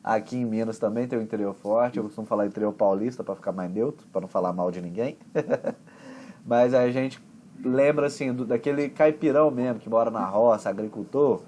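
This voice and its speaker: A man with a Brazilian accent, an English teacher explaining pronunciation in a chatty, relaxed way with homely examples. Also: mid-range voice, fairly quick, muffled recording, slight background noise. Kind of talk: conversation class explanation.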